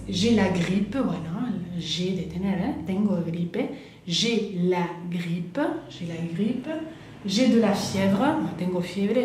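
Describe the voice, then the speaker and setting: A woman teaches a language lesson at an unhurried pace, repeating each phrase. Her voice is mellow and soft-edged. The sound carries a roomy echo with faint background noise. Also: medium pitch. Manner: patient, repeats each phrase slowly, switches between Spanish and French. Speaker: French teacher. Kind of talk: slow explanatory lesson. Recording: echoey room.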